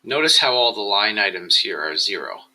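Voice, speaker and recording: A man narrates an instructional screencast, guiding viewers through software step by step in a measured way. His lowish voice has a very bright, forward tone and he sounds very animated, though the recording quality is low.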